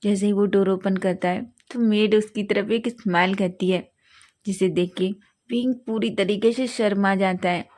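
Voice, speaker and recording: A woman's voice: medium pitch, steady tone, moderate pace, a little mellow. Woman telling a love story. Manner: stumbles and corrects herself often. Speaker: fanfiction narrator. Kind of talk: storytelling reading.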